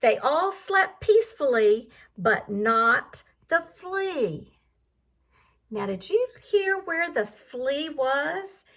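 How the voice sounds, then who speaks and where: Reading a picture book to little ones, a woman whose voice sits high takes on a teacher's role. Expressive and sing-song, she pauses regularly to quiz them and explain what words mean.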